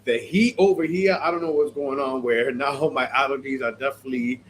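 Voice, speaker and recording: A podcast host chats casually about fashion looks, sounding stuffy and sniffly from allergies while staying chatty and animated with many fillers. His mid-range voice moves a little fast, and the rough recording has a little hiss or hum.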